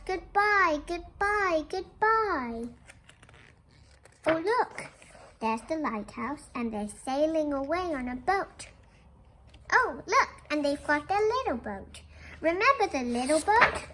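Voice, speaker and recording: With a high-pitched voice and slight background noise, a young presenter performs a picture book expressively, greeting little listeners again and again in a sing-song way and chatting to them between pages.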